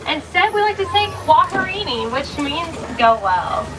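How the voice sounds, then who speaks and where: A woman giving a cheerful, scripted safari ride spiel over the ride vehicle's loudspeaker. She calls the riders "friends". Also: very high-pitched, very animated, measured pace, far from the mic, background noise. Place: open-air safari truck outdoors.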